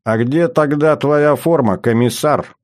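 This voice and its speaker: A man's voice: mid-range voice, measured pace, a little mellow, pitched above the performer's own voice, natural voice. A man reading an audiobook, voicing a cheeky, hot-headed young soldier who sneers and sputters. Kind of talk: audiobook character voice.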